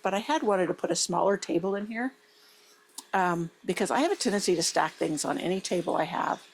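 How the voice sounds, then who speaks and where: A woman's voice: lowish voice, darkish tone, slight background noise, poor audio. A woman with braces that slur her S sounds, chatting casually and thinking aloud to viewers as a gardening vlogger. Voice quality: slurred, lisping S sounds from braces. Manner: informal, thinking aloud, addressing viewers directly. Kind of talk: casual rambling vlog chat, sometimes reading plant details aloud.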